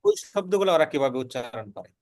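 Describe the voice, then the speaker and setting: A man's voice: fairly high pitch, big pitch swings, quick pace, a little mellow, no room sound. A young man, telling the story of his freelancing career in an earnest, casual way and often repeating words as he builds a point. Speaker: freelancer guest.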